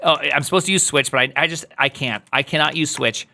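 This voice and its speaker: A man's voice: brisk, vocal fry, sharp tone. A man leading a live coding walkthrough, talking through commands as he types and joking with his viewers. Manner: playful, joking asides to chat, jumps high when teasing. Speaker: coding instructor.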